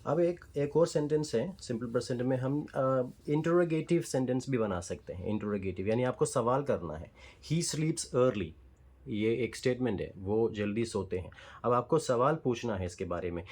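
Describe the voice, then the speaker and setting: A man's voice: medium pitch, lively intonation, a little mellow, rough recording. A man teaching English grammar, explaining in Hindi and spelling out English example sentences word by word, patient and careful. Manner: slow and deliberate, spelling out example sentences word by word with pauses and fillers; patient, explanatory, checks understanding with the listener.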